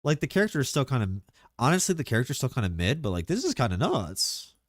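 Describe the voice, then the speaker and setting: A man streaming live, chatting casually and excitably about game mechanics, rambling with lots of filler words. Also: medium pitch, fast, no room sound, clean studio sound.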